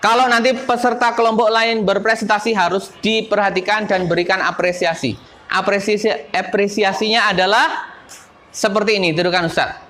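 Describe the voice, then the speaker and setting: A man teaching a school class, leading it through word games and lively call-and-response chants. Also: high voice, moderate pace.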